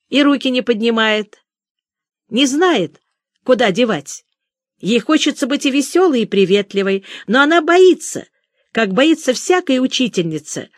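A woman reading a story aloud as scripted narration, with expressive delivery. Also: on the high side, dry recording, studio quality. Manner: expressive reading, briefly voicing the characters' quoted lines. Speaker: audiobook narrator.

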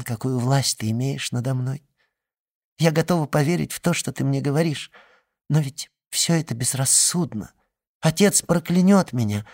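A man's voice: medium pitch, no room sound, studio quality, lightly acted. A man reading an audiobook and voicing a devoted young woman, pleading in an impassioned, trembling way.

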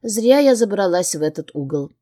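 A woman narrating a first-person fantasy audiobook in an expressive, emotionally engaged way. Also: medium pitch, normal speed.

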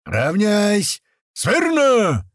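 A man's voice: high-pitched, huge pitch swings, drawn-out words, no room sound, clean studio sound, voice pushed up, full character voice. A man voicing a commander barking parade orders at his troops. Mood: commanding. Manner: bellowing drill commands.

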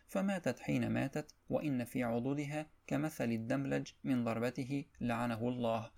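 A man narrating a religious history text in a steady, measured read-aloud style. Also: medium pitch, creaky.

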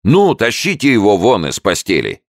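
A man's voice: fairly low pitch, wildly swooping pitch, moderate pace, no echo, studio quality, pitched above the performer's own voice. A bellowing army sergeant, as a man reads him. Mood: commanding. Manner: shouted orders. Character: barking male army sergeant, harsh and bullying.

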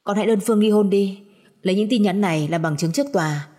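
A woman voicing a calm, protective middle-aged mother in a spoken audio story, soothing yet firm. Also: mid-range voice, fast, natural voice.

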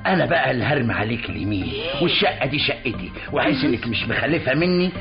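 An actor with an Egyptian accent playing an excitable husband accused of murder, protesting and wailing in a radio drama. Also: male voice, mid-range voice, fast. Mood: outraged. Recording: dull old radio recording with music.

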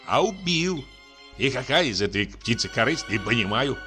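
A man's voice: very animated, over music, natural voice. Man playing a pompous, preachy landowner. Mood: scolding. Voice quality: high drawn-out tenor. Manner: preachy, drawn-out, scolding. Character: pompous, sanctimonious landowner gentleman scolding a peasant.

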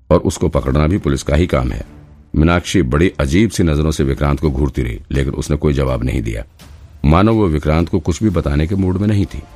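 A man narrating a detective audiobook in steady storytelling. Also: a bass voice. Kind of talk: scripted narration.

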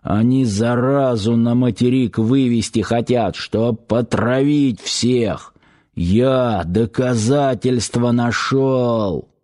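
Man playing drunk middle-aged hunter, slurred, very slow, ranting, audiobook. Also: mid-range voice, darkish tone, lightly acted.

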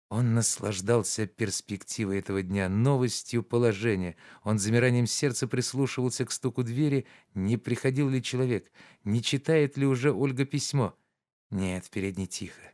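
A man with a mid-range voice narrates a classic novel as an audiobook, keeping his storytelling measured and even.

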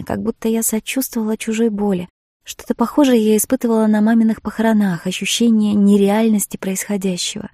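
A woman narrates a novel in the first person with measured, intimate storytelling. Her voice is mellow and slightly gravelly, and the recording is close and dry. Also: fairly low pitch, no echo. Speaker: audiobook narrator.

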